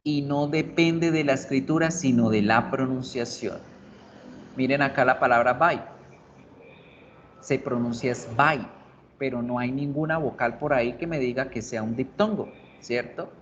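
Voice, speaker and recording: A man teaching an online English class, explaining slowly and repeating each word several times for drilling. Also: mid-range voice. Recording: slightly dull recording with faint noise.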